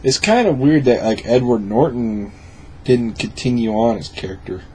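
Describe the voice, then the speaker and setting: A man's voice: medium pitch, animated, normal speed, warm tone, a little hiss or hum. A drunk man chatting casually as he reviews a film, swearing freely. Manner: profane.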